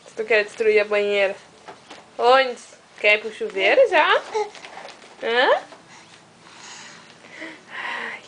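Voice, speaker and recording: A woman's voice: on the high side, lively intonation, slow pace, pauses often, fairly bright tone. A woman cooing affectionately at a baby in a home video. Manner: affectionate, sing-song cooing. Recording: home video with background noise.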